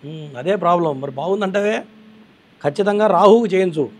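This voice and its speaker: A man's voice: sits high, fairly quick, a little mellow. A man working as an astrologer on a call-in show, lecturing callers with authority and often checking that they agree.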